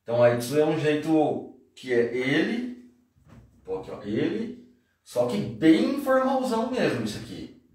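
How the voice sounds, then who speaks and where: A man's voice: on the high side, very animated, measured pace, a little mellow. Chatty man teaching in an echoey room. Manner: chatty, slangy, jokey explanations. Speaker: Japanese teacher. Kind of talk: casual live-stream lesson. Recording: very echoey room, distant mic.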